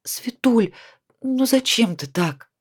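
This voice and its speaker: A woman's voice: a little high, very animated, a little slow, a little mellow, voice pushed up. A woman reading a storybook voices an adult woman who scolds and then coaxes her friend. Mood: soothing.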